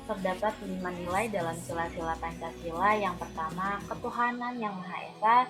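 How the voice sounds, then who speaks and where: A student woman reads a scripted narration, reciting lists in an even, steady cadence. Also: on the low side, moderate pace. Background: background music.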